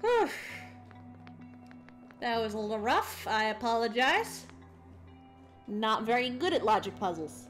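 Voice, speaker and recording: A woman's voice: a little high, very animated, unhurried, long pauses, faint music behind. A woman streamer giving casual, laid-back and self-deprecating commentary while playing a game live.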